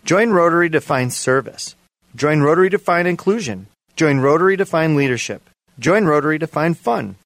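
A man's voice: on the high side, lively intonation, normal speed, a bit bright, dry recording. A man reading a scripted promo with emphatic, slogan-like lines. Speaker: promo announcer.

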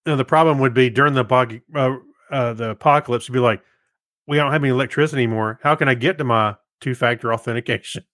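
Recorded in studio quality with no room sound, a man with a mid-range, slightly bright voice talks fast as a podcast co-host. He reads notes, trivia and listener feedback while trading wry, casual banter.

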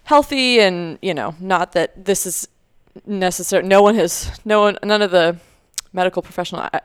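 A woman's voice: lowish voice, moderate pace, clear, resonant tone, dry recording, studio quality. A young woman co-hosting a podcast, chatting casually with lots of fillers and easy laughter. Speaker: podcast co-host. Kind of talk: casual chat.

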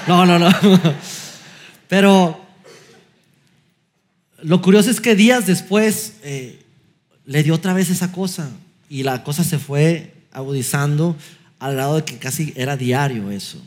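A middle-aged man with a Mexican accent preaches a sermon as a lively storyteller, acting out dialogue and poking gentle fun at himself. His voice runs on the high side.

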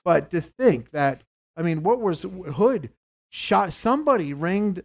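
A man's voice: high-pitched, expressive, takes it slowly. A man hosting a casual investing talk show, rambling and stumbling over his words as he jumps between topics. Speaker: host.

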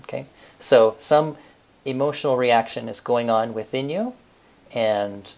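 A man on a podcast explaining a mind technique step by step, relaxed, with frequent fillers. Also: medium pitch, a little slow, creaky. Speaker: podcast co-host. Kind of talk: casual teaching talk.

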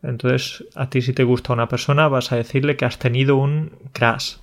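A man's voice: mid-range voice, fairly even intonation, normal speed. Playful man co-hosting a podcast. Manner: friendly teasing, playful. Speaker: podcast co-host. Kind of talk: casual chat about Spanish loanwords.

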